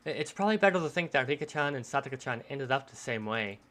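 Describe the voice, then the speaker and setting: A man's voice: medium pitch, animated, fast talker, a bit bright. A man streaming, reading a visual novel aloud with dramatic emphasis and live asides, often stammering and repeating words.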